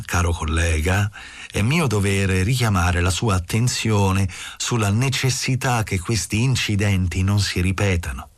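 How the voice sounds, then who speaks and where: A man voicing a weary, cynical old school principal who speaks slowly and paternally. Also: on the low side, dry recording, lightly acted. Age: older. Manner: slow, measured, paternal.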